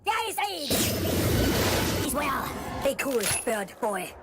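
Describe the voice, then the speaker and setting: An actor playing an icy male supervillain who delivers cold puns with deadpan menace. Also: very high-pitched, very slow, loud music behind the voice, exaggerated voice. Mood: cold menacing. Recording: film clip under loud score.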